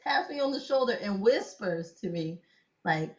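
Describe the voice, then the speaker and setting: A young woman cosplayer appears as a guest in a casual interview, telling stories with frequent laughter and lots of "like"s. Her medium-pitched voice is expressive and moves at a normal speed, though the recording has a dull, lo-fi quality.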